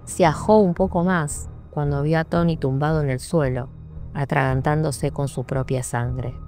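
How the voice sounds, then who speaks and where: Low dark-voiced woman reading a story. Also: fairly even intonation, normal speed. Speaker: audiobook narrator. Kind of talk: scripted audiobook narration. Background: faint music.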